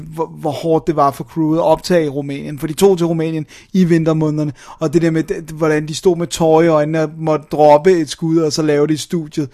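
Man, podcast host, casual film review chat, slightly high voice, animated, slangy.

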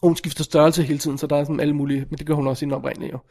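Brief: male podcast host, high tenor, animated and exasperated film critic. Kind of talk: casual film review chat.

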